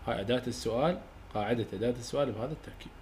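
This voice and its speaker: A man with an Iraqi Arabic accent, a university English tutor giving a lecture, repeating each rule slowly so students can write it down and explaining in casual, colloquial terms. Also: medium pitch, a little mellow, slight background noise. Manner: repeats rules slowly for dictation.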